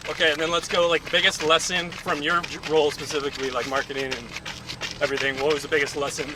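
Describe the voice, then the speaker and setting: A man hosting a casual interview while running outdoors, talking informally with quick affirmations. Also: on the high side, little pitch movement. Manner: informal, frequent short affirmations. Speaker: interviewer, host. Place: outdoors, on the move. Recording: noisy outdoor recording.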